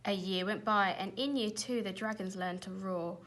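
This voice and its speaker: Woman, schoolteacher, expressive children's story narration, bright tone, mid-range pitch. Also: moderate pace. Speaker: primary school teacher reading aloud. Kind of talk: animated children's storybook reading.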